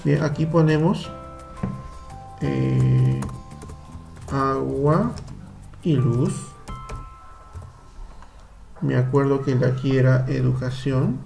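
A man's voice: mid-range voice, fairly even intonation, takes it slowly, creaky, long pauses, dark tone, soft background music. A man with a Peruvian Spanish accent, teaching a computer lesson to children over a screen recording and patiently explaining each step. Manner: patient, explains step by step with frequent tag questions.

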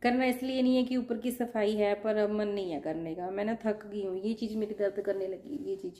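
A woman in her thirties, a mother chatting casually to her viewers from her home kitchen while doing chores and gently scolding her child. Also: medium pitch, steady tone, a little fast. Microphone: phone camera.

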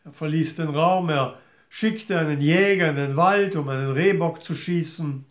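A male storyteller telling a fairy tale to children, gently addressing his listeners directly. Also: a little high, moderate pace. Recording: roomy echo.

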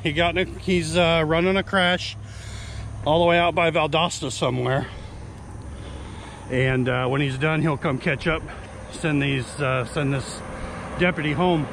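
A chatty man with a slightly high voice films by the roadside, a little out of breath as he talks. He jokes with playful exaggeration in a casual vlog style, with light traffic noise behind him. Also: steady tone, a little slow, long pauses. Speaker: support crew for a runner. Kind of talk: casual outdoor vlog narration.

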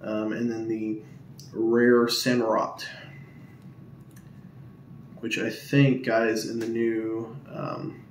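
A man talking quietly and in a flat monotone while opening trading card packs at home, rambling with many ums and uhs in a casual vlog. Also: lowish voice, extremely slow, gravelly, pauses often. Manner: monotone, hushed tone to avoid waking others. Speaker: Pokemon card opening YouTuber. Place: at home indoors. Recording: echoey room with faint ambient noise.

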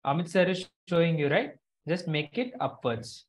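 Dull lo-fi video call audio carries a teacher's live craft lesson for children, explained step by step with repeated instructions and checks that everyone follows. The voice sits at medium pitch, with lively intonation and a moderate pace.

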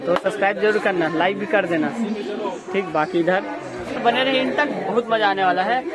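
A man's voice: high-pitched, normal speed. A young man from India vlogging to his viewers in a chatty way from a train carriage, holding the phone at arm's length. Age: young adult. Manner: chatty, addressing viewers directly. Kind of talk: casual travel vlog. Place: inside a moving train carriage. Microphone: phone held at arm's length. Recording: phone audio with loud crowd and music. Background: train noise and chatter.

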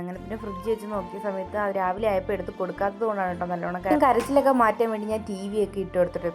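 A young Malayali woman narrating her Sunday at home in a chatty voice-over, often adding little tag questions. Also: medium pitch. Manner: chatty, keeps adding "കേട്ടോ". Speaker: home vlogger, mother.

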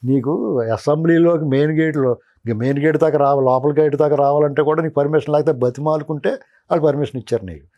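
A man's voice: fairly high pitch, quick pace, dark tone, lo-fi sound. A man giving heated political commentary as an analyst, scolding a politician directly.

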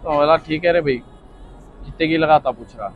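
A man's voice: a little high, fairly quick. A young man, a vlogger telling a rambling story in casual chat and acting out the lines of the people in it. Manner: rambling, reenacts dialogue. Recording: dull lo-fi audio with faint music.

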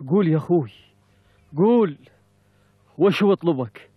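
Passionate Bedouin brother, high voice, Bedouin Arabic, declamatory TV-drama delivery, muffled phone-like sound. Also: male voice, lively intonation, unhurried, breathy edge, no echo. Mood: earnest devotion. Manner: emotional, declamatory, repeating phrases. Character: passionate Bedouin man devoted to his newfound brother. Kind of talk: Bedouin television drama acting. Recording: muffled, phone-like, faint music.

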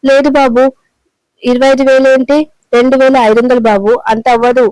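A woman voicing a meek old male clerk who pleads that he is innocent, in a smooth, dry voice. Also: high-pitched, flat delivery, normal speed, darkish tone, dry recording, voice pushed up, natural voice, rough recording. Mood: pleading. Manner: pleading, defensive.

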